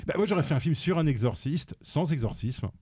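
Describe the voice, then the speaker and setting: A man's voice: a little high, expressive, fairly quick, darkish tone, husky. A man with a French accent in a casual film-review chat, rambling and repeating himself. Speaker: film critic on a podcast.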